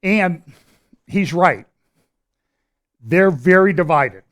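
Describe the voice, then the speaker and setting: A man presenting a church prophecy update in a conversational commentary style, pausing and restarting as he walks through a map and his views. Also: high-pitched, lively intonation. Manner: explains while pointing at a map on screen.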